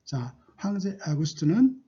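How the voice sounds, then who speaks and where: A man's voice: fairly high pitch, very animated, a little slow, dark tone, breathy edge, highs cut off. A man teaching an English lesson, repeating phrases in question-and-answer drills with frequent fillers.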